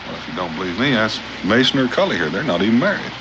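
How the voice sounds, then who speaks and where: An actor playing a steady, principled frontiersman in a 1960s TV western, with a plain-spoken, folksy cowboy manner. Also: fairly low pitch, fast. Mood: earnest. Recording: muffled, noisy old TV soundtrack.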